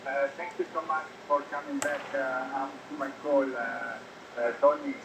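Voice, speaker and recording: A man's voice: mid-range voice, steady tone. Italian man over a breaking-up radio. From northwestern Italy. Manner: halting, with many fillers and polite thanks. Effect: shortwave radio signal breaking up. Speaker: amateur radio operator. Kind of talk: ham radio contact exchange. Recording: noisy echoey shortwave radio reception.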